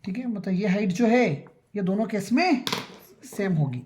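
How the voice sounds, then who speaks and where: A man's voice: high-pitched, expressive, normal speed, darkish tone, slight background noise. A man teaching a school science lesson in a classroom. He counts aloud, quizzes his students and keeps checking that they understand. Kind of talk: classroom lecture.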